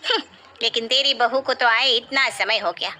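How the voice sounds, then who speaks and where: Brief: woman doing a sharp-tongued middle-aged neighbour lady in a cartoon, high and bright. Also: moderate pace. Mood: taunting.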